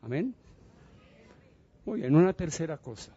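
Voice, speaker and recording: A male pastor delivers a sermon in a church, drawing the congregation in with questions and call-and-repeat lines. He speaks slowly and deliberately in a somewhat high voice. The recording is a little muffled, with faint instrumental music behind. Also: slightly rough, no echo. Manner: animated, has the congregation repeat phrases, asks questions.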